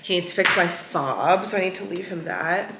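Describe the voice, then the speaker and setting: A chatty young woman vlogs to camera, gushing and peppering her talk with fillers. Her voice sits a little low, and it rings with the roomy echo of a half-empty apartment. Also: normal speed, creaky, heavy background noise. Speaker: lifestyle vlogger. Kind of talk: casual vlog talk to camera. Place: apartment rooms.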